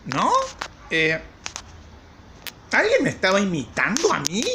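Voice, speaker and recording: Brief: slow, playful Argentine teacher. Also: female voice, lowish voice, huge pitch swings, a little hiss or hum. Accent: Rioplatense Argentine Spanish. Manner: playful and warm with children, stretches words for teaching. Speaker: primary school teacher. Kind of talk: slow, clearly spoken remote lesson for children.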